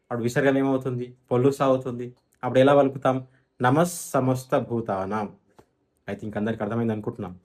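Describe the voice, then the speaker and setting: A man teaching Sanskrit chanting pronunciation, who asks questions and answers them himself and slowly chants verse examples. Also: mid-range voice, little pitch movement, a little mellow.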